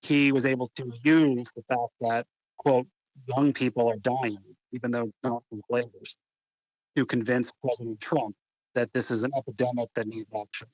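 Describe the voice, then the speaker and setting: A man's voice comes through a phone call, muffled and dull with no room sound at all. He is a guest on the line, laying out his points in a measured, deliberate way at a middle pitch. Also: flat delivery, a little mellow, no room sound. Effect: heard over the phone. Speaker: phone-in guest, head of an advocacy group. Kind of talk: phone interview. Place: green room before a TV appearance.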